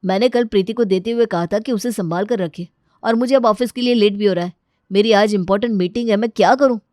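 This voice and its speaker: A woman voicing an impatient young husband in a cartoon story, hurried and irritated. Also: mid-range voice, mellow, dry recording, studio quality, close to an everyday voice.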